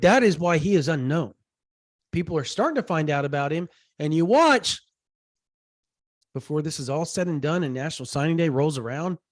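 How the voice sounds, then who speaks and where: Man, congested, sinus-infection voice, rambling with lots of fillers, casual podcast co-host, fairly high voice, dry close sound. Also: no room sound. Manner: rambling, excitable, many fillers. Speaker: co-host, recruiting reporter. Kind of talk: casual sports podcast chat.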